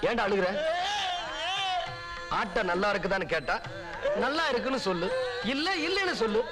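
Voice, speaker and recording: An actor playing a blustering village landlord in a film comedy, scolding and mocking people with short, barked insults. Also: male voice, sits high, big pitch swings, normal speed, loud music behind the voice. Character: blustering middle-aged male village landlord, scornful.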